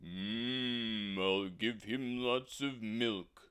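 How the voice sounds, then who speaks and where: A man doing a slow, drawling storybook cow. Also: fairly even intonation, a bit bright, clear, resonant tone. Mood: gentle. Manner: slow, drawn-out lowing delivery. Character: slow gentle spotted mother cow.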